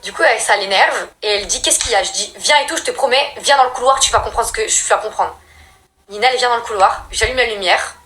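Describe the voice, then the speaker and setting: A young woman from France, a regular storyteller, tells a scary childhood story in casual slangy chat, bursting into loud high voices. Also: fast. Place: at home doing makeup.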